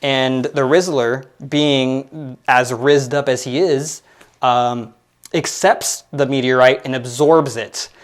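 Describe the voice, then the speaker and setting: A man's voice: medium pitch, fairly even intonation, slow. A man in his late twenties hosting his own pop culture podcast, talking casually and rambling with lots of fillers and restarts. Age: 20s. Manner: rambling, filler-heavy, self-deprecating. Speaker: podcast host. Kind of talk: casual solo commentary.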